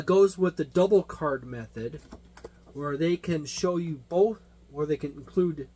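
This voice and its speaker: A tabletop game reviewer and game master gives an unscripted product overview in a somewhat high, slightly mellow voice. Like a hobby reviewer, he rambles through it step by step, often circling back to rephrase or repeat a point.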